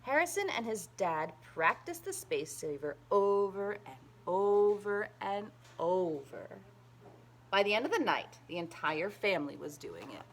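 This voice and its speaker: A woman reads a children's picture book aloud, telling the story in an expressive, emphatic way. Her voice is mid-range, and her pace a little slow.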